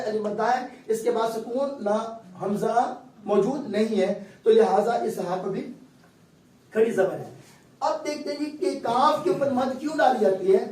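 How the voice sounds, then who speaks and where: A man's voice: extremely high pitch, darkish tone, roomy sound, recorded from a distance, poor audio. A male teacher giving a classroom lesson on Quran recitation, explaining step by step and quizzing his students.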